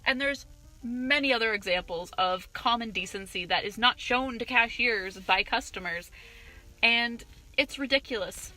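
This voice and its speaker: A woman's voice: fairly high pitch, moderate pace, low-quality recording. A young woman and cashier, ranting indignantly and profanely about a customer in a vlog. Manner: profane, indignant, animated retelling. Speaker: vlogger, cashier.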